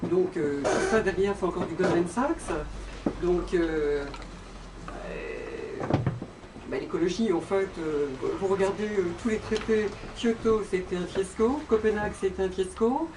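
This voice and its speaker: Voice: medium pitch, a little slow. An audience member at a conference speaking without a microphone, rambling with many fillers. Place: conference room. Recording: distant voice with background noise.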